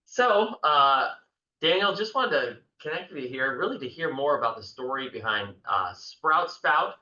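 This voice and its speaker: A man's voice: mid-range voice, animated, moderate pace, pushed and bright. A man interviewing a guest, asking loose, hesitant questions full of uh and um. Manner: hesitant, many fillers. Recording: dull echoey room audio.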